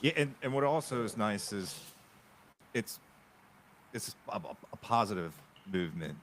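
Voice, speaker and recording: A man's voice: fairly low pitch, expressive, moderate pace, a bit bright. Man with a compressed voice. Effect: compressor on his voice. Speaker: podcast guest, music video creator. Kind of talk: casual podcast chat.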